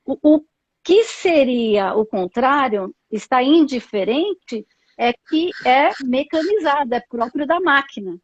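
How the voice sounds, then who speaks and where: A Brazilian woman psychologist speaks on a live video interview. Her voice sits high and carries a husky edge, dry and close. The call audio is dull and lo-fi. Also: lively intonation, takes it slowly, no room sound. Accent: Brazilian Portuguese. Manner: thoughtful, many fillers and tag questions. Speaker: psychologist guest.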